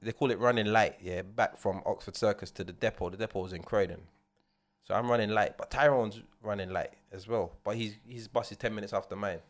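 This man's voice is lowish and steady, and he talks briskly. Co-hosting a podcast, he swaps casual anecdotes in a London roadman accent, full of emphatic street slang.

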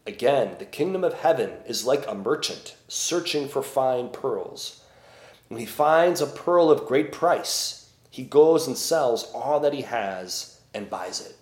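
A priest at Mass, reading the Gospel and preaching in a slow, deliberate way with emphatic swells, his voice ringing with church echo. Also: mid-range voice, animated, darkish tone. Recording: echoey church room.

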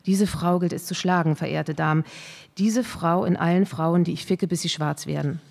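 A woman reads her own first-person prose aloud at a live literary event. Her delivery is measured and unhurried, with blunt, vivid phrasing. Her voice sits on the lower side and carries a long reverb from the hall. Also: vocal fry, darkish tone. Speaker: author reading her prose.

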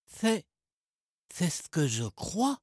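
Storybook figure: a man acting out a thoughtful young boy, unsure and stammering, lightly pitched up. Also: sing-song, extremely slow, a little mellow, slightly rough, no echo, studio quality, exaggerated voice. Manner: stammering, hesitant. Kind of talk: storybook reading.

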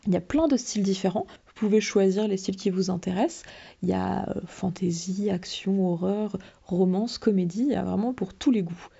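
A woman's voice: medium pitch, creaky, warm tone, husky, highs cut off. A young woman hosting a student podcast segment, chatty and upbeat with light fillers. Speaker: podcast presenter.

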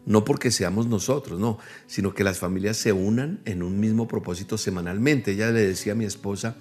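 Male pastor, low voice, earnest sermon, repeats phrases, faint music underneath. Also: brisk, a little mellow. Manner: addresses listeners directly. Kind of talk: livestreamed sermon.

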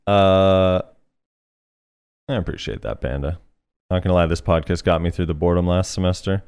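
A man's voice: sits low, normal speed, darkish tone, clean tone. A man hosting a casual podcast, reading listener comments aloud in a laid-back way with plenty of fillers. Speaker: podcast host.

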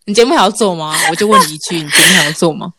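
A young woman co-hosting a casual chat, teasing her partner with deadpan jabs. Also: lowish voice, very fast, no echo, studio quality. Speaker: podcast co-host.

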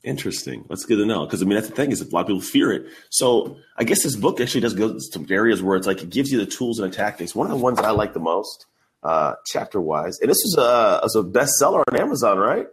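A young adult podcast host from the Bay Area, USA, chats in a casual interview, enthusiastic and slangy with plenty of fillers. He talks fast and very animatedly in a lowish voice, with slight background noise.

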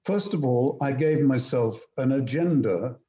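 Mellow, deliberate man in a roomy space. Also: mid-range voice. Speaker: interview guest, poet and screenwriter. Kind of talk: reflective conversational storytelling. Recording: slightly dull, roomy sound.

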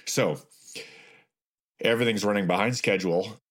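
A man with a very low voice tells a story in a relaxed, conversational way. He sounds middle-aged and gets animated when he acts out what others said. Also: normal speed. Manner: animated, acts out quotes with raised voice. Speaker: guest telling a story. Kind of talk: casual storytelling.

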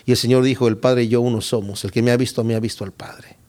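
A man preaching a Bible study sermon, reading scripture aloud and explaining it with lively questions to his listeners. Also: medium pitch, quick pace. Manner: expressive, reads scripture then explains it, asks the listeners questions.

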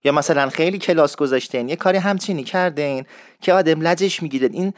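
A man teaching dialect expressions, explaining in a lively way and repeating words slowly for learners. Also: fairly high pitch, no room sound, clean studio sound. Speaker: language teacher.

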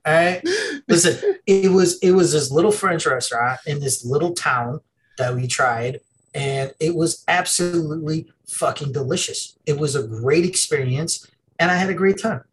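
A man's voice: fairly high pitch, normal speed, noisy background. Profane, rambling man on a podcast. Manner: rambling, profane, laughs a lot. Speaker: podcast co-host. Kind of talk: casual chat.

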